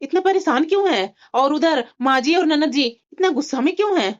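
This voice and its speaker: A woman's voice: sits high, animated, fairly quick, highs cut off. A woman voicing a sympathetic elder sister-in-law in a cartoon, giving advice and urging her on. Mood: advising. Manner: advising, coaxing. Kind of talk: cartoon voice acting.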